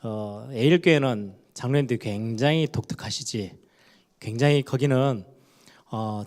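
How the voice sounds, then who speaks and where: A man in his forties, a pastor delivering a conversational sermon with frequent fillers and drawn-out words for emphasis. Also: mid-range voice, a little mellow. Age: 40s. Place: church sanctuary.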